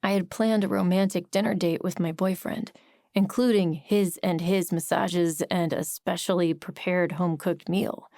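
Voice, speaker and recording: A woman's voice: lowish voice, fairly even intonation, normal speed, no echo, clean studio sound, close to an everyday voice. A woman voicing a sarcastic, teasing male best friend who works as a private eye, in an audiobook. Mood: wry. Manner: sarcastic, teasing, then gentle. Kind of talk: audiobook character voice.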